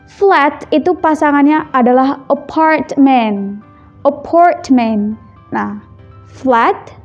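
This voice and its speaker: A woman English teacher from Indonesia gives a vocabulary lesson, mixing two languages and repeating words slowly for practice. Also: high-pitched, darkish tone, dull audio.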